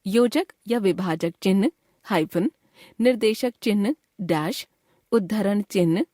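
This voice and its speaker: A woman teacher reading a scripted grammar lesson in a clear, measured way. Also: mid-range voice, warm tone, no echo, studio quality. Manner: clear, measured classroom explanation.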